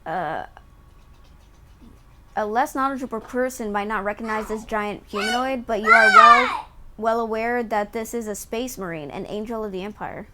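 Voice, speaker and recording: A woman's voice: a little high, big pitch swings, normal speed, pushed and bright. A woman game streamer reading on-screen story text aloud and chatting in an amused way as she explains it. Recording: faint background noise.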